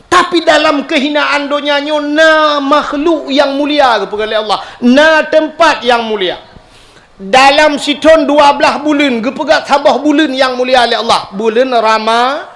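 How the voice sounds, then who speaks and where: A man with an Acehnese accent delivers a sermon in a strikingly high voice. He hits key words hard with sudden upward leaps, then lets his phrases sink low and quiet. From Aceh, Indonesia. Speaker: preacher.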